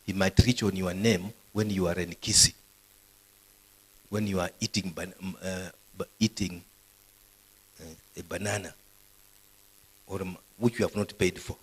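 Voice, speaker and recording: Man preaching, deep voice, husky tone, asks the crowd questions. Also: measured pace, long pauses, poor audio. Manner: lively preacher, quizzes the audience with questions. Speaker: pastor. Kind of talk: live sermon to students. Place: university gathering.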